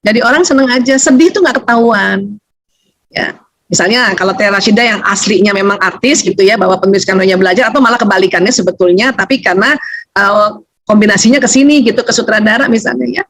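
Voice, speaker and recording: A woman, giving a lively seminar talk as a doctor, laughing often and acting out voices. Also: mid-range voice, fast talker, dry recording, poor audio.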